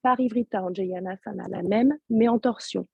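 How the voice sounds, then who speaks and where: Soft-spoken husky woman guiding yoga. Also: medium pitch, normal speed, no echo, dull audio. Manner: soft-spoken, calm step-by-step cues. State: sore throat. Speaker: yoga teacher. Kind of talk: guided yoga class instruction. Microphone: video call.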